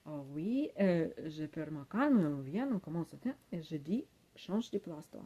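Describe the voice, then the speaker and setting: A woman telling a travel story in halting, non-native French, full of fillers and restarts, growing heated. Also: deep voice, sing-song, mellow, slightly rough, highs cut off. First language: not French. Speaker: vlogger. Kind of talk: casual storytelling.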